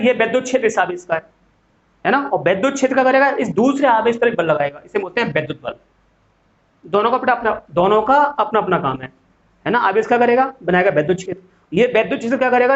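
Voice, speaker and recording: Guy teaching a physics class, keeps asking and answering his own questions, kinda muffled recording. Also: very high voice. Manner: asks and answers his own questions, calls students "beta". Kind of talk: classroom lecture. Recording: dull lo-fi sound.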